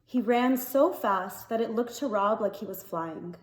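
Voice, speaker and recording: A woman reading a children's novel aloud in a calm, even storytelling manner. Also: a little high, measured pace, roomy sound. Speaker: reader.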